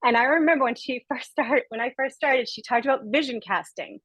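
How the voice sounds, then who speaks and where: A woman's voice: high-pitched, brisk, a bit bright, husky, dry recording, rough recording. A woman from Rhode Island giving a heartfelt, gushing testimonial as a guest on a video-call webinar. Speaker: guest speaker.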